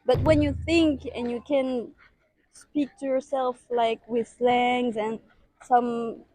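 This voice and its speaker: A woman's voice: a little high, level tone, takes it slowly, mellow, no echo, poor audio. Hesitant French-accented woman. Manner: hesitant, repeats words. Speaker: interviewee. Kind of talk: casual interview answers.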